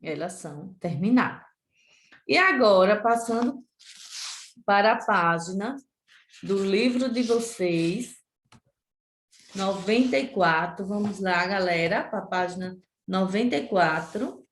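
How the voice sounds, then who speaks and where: Brazilian lady teacher w sergipe accent, talks real slow to kids, repeats stuff, roomy echo. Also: medium pitch. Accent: Sergipe Brazilian Portuguese. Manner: slow, deliberate, repeats words for children. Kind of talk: remote class lesson.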